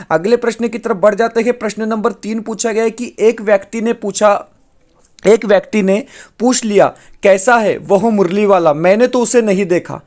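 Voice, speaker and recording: A man teaching an exam prep lesson, going through questions option by option and often calling his listeners "friends", with English words mixed in. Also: high voice.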